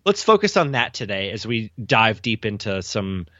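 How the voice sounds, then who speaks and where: Guy cohosting a wedding podcast, bright voice, playful, laughs a lot, dry close mic. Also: on the low side, sing-song, moderate pace, dry recording, highs cut off. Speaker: podcast co-host, wedding photographer. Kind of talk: casual chat.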